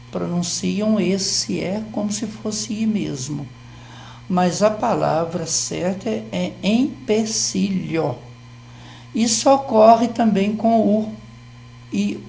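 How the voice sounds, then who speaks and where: A man's voice: sits high, creaky, darkish tone, a little hiss or hum. An older man with a Brazilian accent explaining grammar on a TV lesson, patient and methodical, often checking in with tag questions. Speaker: Portuguese language teacher.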